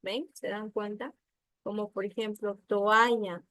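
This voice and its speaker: Slow, patient woman teaching online. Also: medium pitch, fairly even intonation, a bit bright, no echo. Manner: slow, patient, checks understanding with frequent questions; sounds out words syllable by syllable. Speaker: primary school teacher. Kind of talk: online spelling lesson. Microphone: computer mic on a video call.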